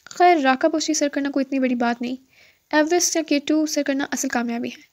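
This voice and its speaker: A woman's voice: sits high, close to an everyday voice. A woman voicing a proud young woman doctor who speaks curtly and tries to seem aloof, in an audiobook. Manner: curt and aloof.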